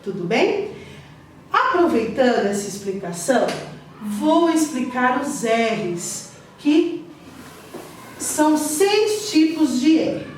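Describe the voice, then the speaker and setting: A woman teacher, explaining letters and syllables to parents in a slow, patient way and checking in often. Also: high voice, very animated. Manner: slow, patient, repeats syllables and asks "tudo bem?". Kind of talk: literacy lesson for parents. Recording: echoey room, voice from a distance, faint hiss.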